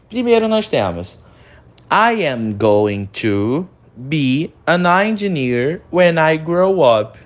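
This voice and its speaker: A man teaching English grammar, saying example sentences slowly and checking in often with his students. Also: on the high side. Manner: slow, drawn-out repetition of example sentences; chatty, checks in often with short tags.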